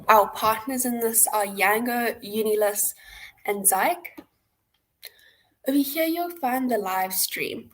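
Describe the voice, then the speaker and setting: A South African woman with a fairly high voice, the host and presenter of a hackathon, leads a live online tutorial from an indoor room via livestream webcam. She guides participants through the platform, explaining each step informally, in a rough recording.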